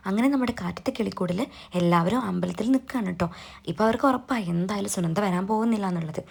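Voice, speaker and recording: A woman recaps a TV serial for her channel at a brisk clip, retelling scene after scene as if to a friend. Her voice carries a gravelly fry. She keeps adding small conversational asides. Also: medium pitch, a little mellow. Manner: chatty, retells scenes with a running "kētto" aside. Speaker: YouTube serial reviewer. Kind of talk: casual episode recap.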